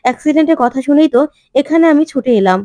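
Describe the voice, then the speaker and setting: A woman's voice: high voice, lively intonation, racing, mellow, dry recording, studio quality. Shubho: a woman doing a caring middle-aged woman. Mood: concerned.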